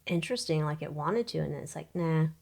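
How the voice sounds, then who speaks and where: A woman giving an informal psychic tarot reading, thinking aloud in short, halting phrases and muttered questions. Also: low-pitched, creaky, a little mellow.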